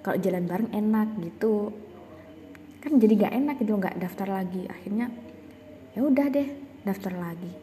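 A woman's voice: mid-range voice, lively intonation, normal speed, long pauses, mellow, a little hiss or hum. A young woman telling a personal story in a casual, reflective and confessional way, hesitating and restarting often. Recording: long reverb.

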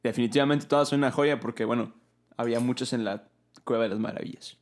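A man's voice: medium pitch, fairly even intonation, fast talker. A young man with a Mexican Spanish accent co-hosting a casual chat, playful and joking, speeding up on his asides. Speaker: podcast co-host and fan dubber.

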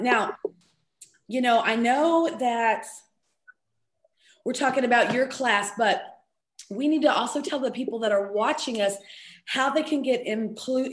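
A woman's voice: a little high, roomy sound. A woman hosting a casual livestream chat over a video call, playful and bubbly as she reads viewer comments aloud. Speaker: host.

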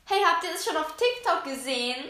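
A woman's voice: high voice, sing-song, fairly quick, bright, forceful tone, full character voice. A girl voicing a snooty mean schoolgirl with a drawling, snippy manner. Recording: roomy echo.

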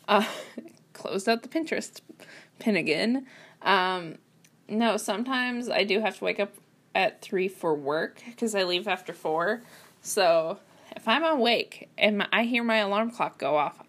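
A woman's voice: medium pitch, a bit bright. Chatty young woman rambling about writing. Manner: chatty, rambling, lots of fillers and restarts. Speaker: writer reviewing writing tips. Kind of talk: casual solo commentary. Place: at home at a computer.

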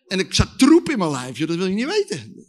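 A man preaching a sermon with testimony, leading lively call-and-response with the audience and shouting at the climaxes. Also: high-pitched, fairly quick.

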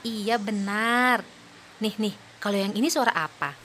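A woman's voice: mid-range voice, fairly bright tone, slight background noise, lightly acted. A woman playing a cheerful young mother in a scripted children's audio play, patiently praising and encouraging her two little daughters. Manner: patient, praising, speaks slowly for small children.

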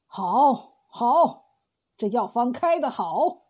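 A woman voicing a greedy, cruel male landlord who speaks in a loud, blustering way in a storybook tale. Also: sits high, lively intonation, normal speed, slightly rough.

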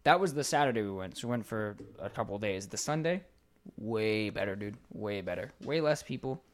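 A young American man co-hosting a podcast, telling stories in a casual, animated way and swearing a lot. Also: fairly low pitch, brisk. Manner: animated storytelling with frequent swearing. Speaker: podcast co-host. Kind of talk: casual chat.

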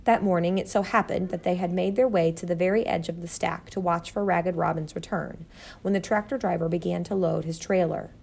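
Woman narrator for children's audiobook, low voice with creak, steady reading. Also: a little fast. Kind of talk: storybook narration.

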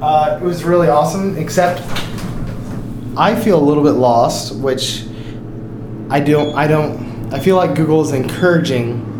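A man's voice: fairly high pitch, a little slow, long pauses. A man in casual, off-the-cuff conversation, caught on a handheld recorder. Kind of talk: casual chat. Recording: roomy, noisy handheld recording.

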